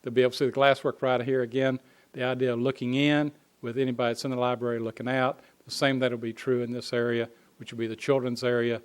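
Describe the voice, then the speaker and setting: Man, council meeting report, halting delivery, lots of uh fillers, speaks from a meeting chamber. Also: medium pitch, flat delivery, clear, resonant tone. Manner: halting, frequent uh fillers and restarts. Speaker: city staff presenting a construction update to council. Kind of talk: informal spoken report at a public meeting.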